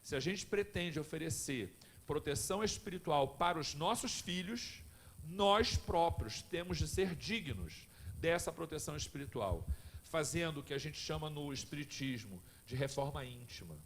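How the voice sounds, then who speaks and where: A man's voice: on the high side, normal speed, a little hiss or hum. A man lecturing at a spiritist family course, telling personal stories and speaking straight to the audience in a conversational way. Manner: lively, conversational, addresses the audience directly.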